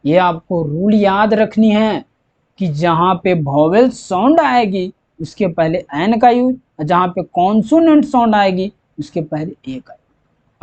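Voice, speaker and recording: This slow classroom explanation of grammar comes from an English teacher with a medium-pitched, slightly mellow voice. They go step by step, repeat every point and answer their own questions, all on dull lo-fi audio.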